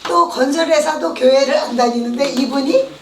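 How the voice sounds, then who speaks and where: High-voiced woman giving a church testimony. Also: normal speed, noisy background. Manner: lively storytelling, acting out quoted voices. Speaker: testimony speaker. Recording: echoey hall, mic at a distance.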